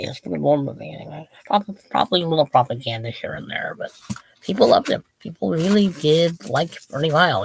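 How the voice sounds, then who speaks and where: A man's voice: on the high side, gravelly, husky, low-quality recording. A man who is losing his voice, talking casually and rambling about his books, restarting sentences and drifting off topic. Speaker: channel host. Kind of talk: casual rambling book talk.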